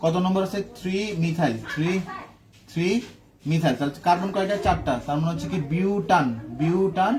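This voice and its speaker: A man with a high voice teaches a chemistry class, walking students through the steps. He asks a question and answers it himself, then checks that everyone is following. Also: brisk, crowd noise. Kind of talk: classroom lecture.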